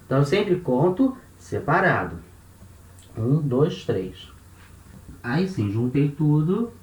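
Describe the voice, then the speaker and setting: Brazilian male teacher, somewhat high voice, patient and methodical, echoey room, mic at a distance. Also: very animated, takes it slowly, a little mellow. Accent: Brazilian Portuguese. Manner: patient, step-by-step, counting syllables aloud. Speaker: Ancient Greek teacher. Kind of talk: explaining grammar on a board. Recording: roomy echo, voice off-mic.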